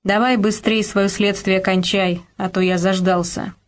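A woman reading aloud, voicing a weary older male war veteran who speaks calmly and wryly. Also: mid-range voice, measured pace, natural voice.

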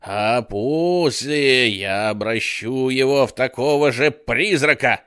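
A man voicing a male ghost who utters slow, looming threats. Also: medium pitch, a bit bright, smooth, dry recording, studio quality, pitched above the performer's own voice. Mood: menacing. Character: menacing male ghost haunting a basement.

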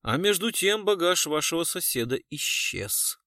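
A man voicing a calm, ironic male police colonel who speaks coldly and with authority. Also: on the high side, a little slow, no room sound, studio quality, full character voice. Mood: commanding. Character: cool-headed male police colonel, dry.

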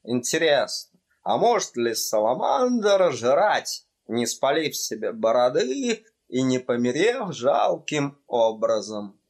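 A man's voice: medium pitch, big pitch swings, slow pace, heavily acted. A male reader voicing a jovial registrar in a storybook, hearty and emphatic. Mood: musing. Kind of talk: audiobook character voice.

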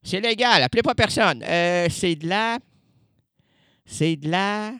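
High, bright rambling Québécois radio man. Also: slow pace, clear, resonant tone, no echo, clean studio sound. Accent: Québécois French. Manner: rambling and erratic, jumping between mock shouts and mumbles. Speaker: radio host. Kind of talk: rambling absurd live radio monologue.

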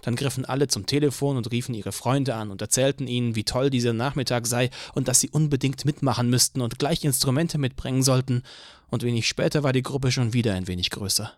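A man narrates an audiobook in a steady, even storytelling manner. His pitch sits in a middle range for a man. The recording is dry and close, with no room echo. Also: brisk. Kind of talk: scripted narration.

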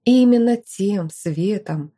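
A woman narrating a first-person novel as an audiobook, in an expressive, emotive reading style. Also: medium pitch, takes it slowly.

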